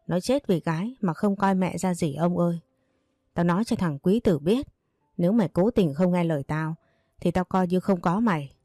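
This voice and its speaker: A woman voicing a domineering older mother who scolds her son in fast, sharp-tongued bursts. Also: fairly low pitch, dry recording, clean studio sound, close to an everyday voice.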